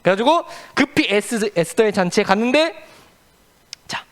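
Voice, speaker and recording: A man's voice: sits high, moderate pace. A man telling a Bible story at a children's church service, quizzing the kids with questions. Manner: asks the children questions, lively and playful.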